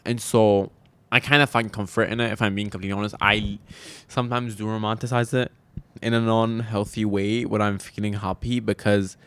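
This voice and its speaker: A man's voice: fairly low pitch, flat delivery, a little fast, a bit bright, smooth, no echo. A young man hosting a solo podcast, talking in a rambling, self-deprecating, confessional way with frequent laughs. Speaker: podcast host.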